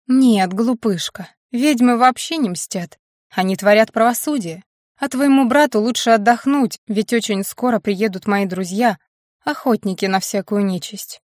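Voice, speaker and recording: A woman's voice: a little high, moderate pace, a little mellow, no room sound, studio quality, close to an everyday voice. A woman voicing a capricious, teasing female witch in an audiobook, in a playful sing-song manner.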